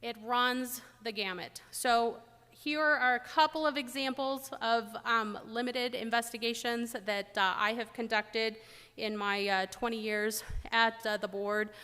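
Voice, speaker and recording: A middle-aged woman, an air safety investigator, giving a blunt, joking conference talk with animated storytelling. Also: fairly high pitch, a little slow, clear, resonant tone, in a large hall. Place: large conference hall.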